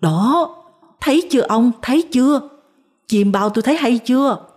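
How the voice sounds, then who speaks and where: A woman's voice: mid-range voice, animated, normal speed, a little mellow, husky. A woman voicing a frightened, insistent older village woman in a spoken story, talking in urgent pleading bursts.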